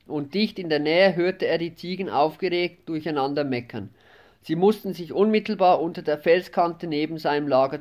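A man narrating a fantasy audiobook in a measured, dramatic reading. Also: a little high, darkish tone. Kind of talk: scripted narration.

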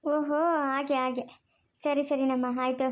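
A bold, caring elder sister in a cartoon, voiced by a woman who soothes and coaxes over and over. She speaks in a very high voice. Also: level tone, unhurried. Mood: soothing. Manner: soothing, coaxing, repeats comfort.

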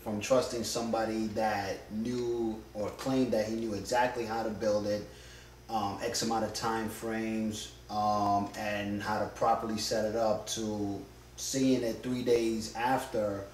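A young man, a homeowner, explaining in a halting way while searching for words at a dining table. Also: fairly low pitch, flat delivery. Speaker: homeowner giving a testimonial. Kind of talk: casual testimonial. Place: dining room of a house, indoors. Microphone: far camera. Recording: roomy, distant camera audio, faint hum.

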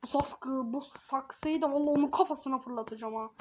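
A woman's voice: sits high, fairly quick. A woman giving casual, slangy gameplay commentary, joking around and scolding a baby in the game. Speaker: gaming YouTuber. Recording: dull lo-fi with faint hiss.

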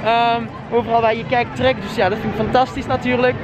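A man with a high voice talks to his viewers in a relaxed, chatty way, giving his verdicts as he goes. He is recording outdoors on a handheld camera. A busy crowd and machinery noise fill the background. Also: fairly quick, lo-fi sound. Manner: chatty, rates rides, addresses viewers directly. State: out of breath while climbing. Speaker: theme park vlogger. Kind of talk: casual vlog talk to camera. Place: outdoors in a busy theme park. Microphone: handheld camera, at times a phone at arm's length. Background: crowd and ride noise.

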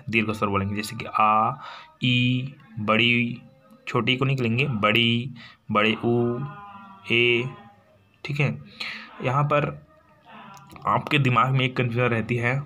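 Male teacher from India, exam-prep lesson, bright forceful voice, asks his own questions and answers them, many tag questions. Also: mid-range voice.

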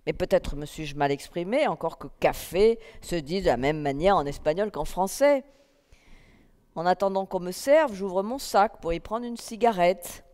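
A woman reading a literary text aloud at a festival, in a calm, measured first-person narration. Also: fairly low pitch. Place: festival stage in a hall. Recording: long reverb of a hall.

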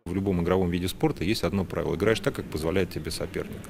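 Male coach, forties, low creaky voice, interview, faint rink noise. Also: racing, a little mellow. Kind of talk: post-match interview. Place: indoor ice rink.

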